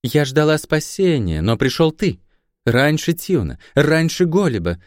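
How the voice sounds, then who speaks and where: A man reading an audiobook voices a young resurrected sorceress, raising his pitch to sound honeyed, then hard and accusing. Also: expressive, normal speed, dark tone, no room sound, clean studio sound, close to an everyday voice. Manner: accusing, spiteful. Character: resurrected great sorceress, young woman, cold and bitter. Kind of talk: audiobook character voice.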